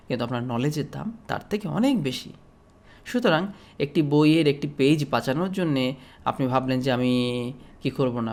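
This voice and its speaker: A man from Bangladesh giving an explanatory lecture as a teacher, speaking steadily with frequent pauses and fillers. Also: a little high.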